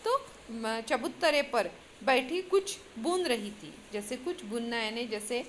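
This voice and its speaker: A woman's voice: fairly high pitch, lively intonation, takes it slowly, slight background noise. A woman teacher retelling a story to students, often repeating herself and explaining words as she goes.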